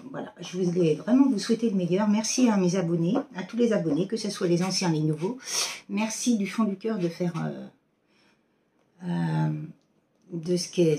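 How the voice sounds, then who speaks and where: A woman's voice: on the low side, mellow, a little hiss or hum. A woman giving a casual oracle card reading to her viewers, chatty and affectionate, with many fillers.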